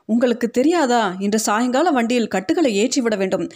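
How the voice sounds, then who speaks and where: A woman's voice: a little high, animated, normal speed, darkish tone. A woman voicing an anxious middle-aged male print shop owner, speaking in a fretful, pleading way in a storybook reading.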